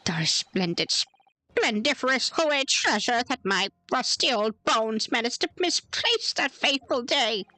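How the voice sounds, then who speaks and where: A woman's voice: a little high, expressive, unhurried, sharp tone, no echo, voice pushed up. A woman voicing a melodramatic old male antique shop owner who laments grandly while dubbing a video game. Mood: ecstatic.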